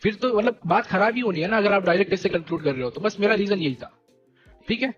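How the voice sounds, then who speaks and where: Young guy ranting on his stream, high-ish voice, super worked up, muffled lo-fi sound. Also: fast, soft background music. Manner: animated and indignant, keeps repeating "theek hai" and "bhai". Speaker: esports team leader streaming to viewers. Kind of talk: heated live-stream rant.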